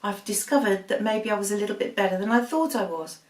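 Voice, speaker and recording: Animated woman telling a story. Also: medium pitch, quick pace, background noise. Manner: lively storyteller, animated, self-deprecating. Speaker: art vlog host. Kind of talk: chatty anecdote and painting demo. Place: room at home. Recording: roomy echo, mic at a distance.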